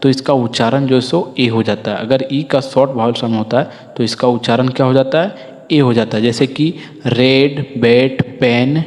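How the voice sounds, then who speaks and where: A man's voice: medium pitch, brisk, a little mellow. A man teaching a phonics lesson, who explains patiently, drills word lists and asks listeners to repeat after him. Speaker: English teacher. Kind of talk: classroom-style phonics lesson. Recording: long hall reverb.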